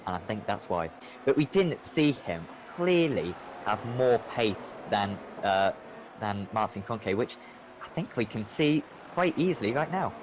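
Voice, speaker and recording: A man commentating live on a sim race as a motorsport commentator, with an excitable play-by-play delivery that lifts with the action. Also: lowish voice, measured pace. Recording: clear engine noise behind. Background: race car engines.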